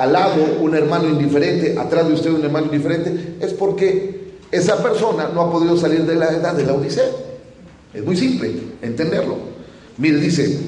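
A man's voice: fairly high pitch, a little mellow. A man preaching a sermon in church, speaking earnestly and often addressing the congregation as brother. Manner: earnest, addresses listeners as "hermano". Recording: echoey church hall from a distant mic.

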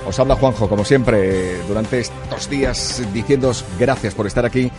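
A middle-aged man hosting a casual radio chat, teasing and quick to react. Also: mid-range voice, over music. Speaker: radio host. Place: radio studio.

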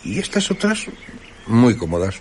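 An actor playing a bewildered scruffy tramp who stammers and blusters, easily rattled, in a radio drama. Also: male voice, mid-range voice, huge pitch swings, moderate pace, slight background noise. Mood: grumbling. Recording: faint outdoor ambience with birds and insects.

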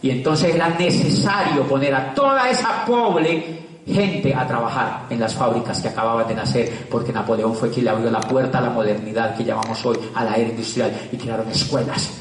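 A man's voice: mid-range voice, normal speed. A middle-aged man, talking to an audience with rhetorical questions and repeated words for stress. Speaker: public speaker. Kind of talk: lively talk to a live audience. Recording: echoey room, from far off.

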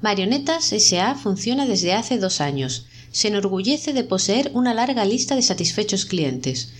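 A woman reading a short story aloud in a measured, dramatic narration. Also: mid-range voice, sing-song. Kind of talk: scripted audiobook narration.

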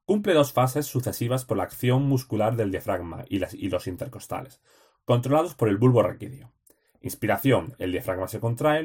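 A man's voice: mid-range voice, darkish tone, breathy edge. A man reading study notes aloud for a teaching exam, in terse, list-like phrases with short headings.

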